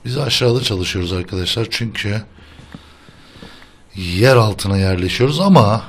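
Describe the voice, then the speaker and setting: A man's voice: on the low side, expressive, moderate pace. A young man hosting a casual gameplay session, chatting, laughing often and arguing playfully with his friend. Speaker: gaming channel host.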